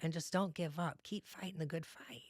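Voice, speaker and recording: A woman's voice: low-pitched, normal speed, no room sound, clean studio sound. A woman, talking earnestly and emotionally as a podcast guest. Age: 40s. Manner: earnest, emotional, often says "you know what I mean". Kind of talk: heartfelt interview talk.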